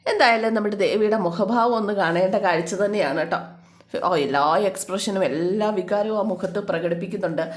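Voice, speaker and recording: A woman's voice: mid-range voice, fairly quick. Casting: chatty woman storyteller, casual recap with friendly asides. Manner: chatty, amused asides to listeners. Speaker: storyteller recapping a family serial.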